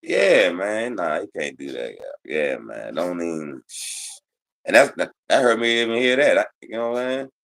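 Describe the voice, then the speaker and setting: A man's voice: on the low side, sing-song, normal speed, vocal fry, fairly bright tone. Man, sports talk co-host, emphatic, preachy, slangy.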